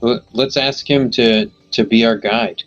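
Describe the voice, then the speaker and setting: A man's voice: mid-range voice, fairly even intonation, measured pace. A man chatting casually as a player in a tabletop game. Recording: dull lo-fi audio, music behind.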